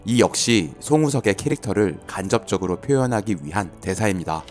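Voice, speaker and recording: A man narrating a film commentary in a calm, informative way, with light jokes. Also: lowish voice, brisk, over music. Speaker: movie channel narrator.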